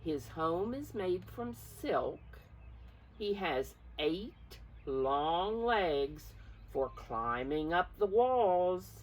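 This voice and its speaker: This preschool teacher's voice sits on the low side as she gives an animated, slow read-aloud of a picture book. She coaxes the young children expressively, speaking straight to them with guessing questions.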